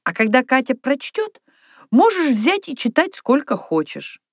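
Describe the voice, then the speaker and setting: A woman reading a storybook puts on a chatty young girl who talks eagerly about drawing and books, her voice raised high above the reader's own and carried with strong swings of pitch. The tone is bright and eager. The recording is dry and close. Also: sing-song, unhurried, no echo, exaggerated voice. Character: lively chatty young girl, dreamy artist.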